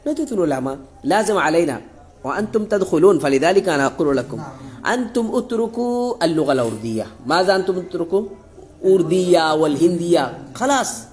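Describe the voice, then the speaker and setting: Higher-voiced man lecturing students. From Bangladesh. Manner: quizzes listeners with repeated questions; halting, many pauses and restarts. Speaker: visiting sheikh addressing students. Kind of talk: classroom exhortation lecture.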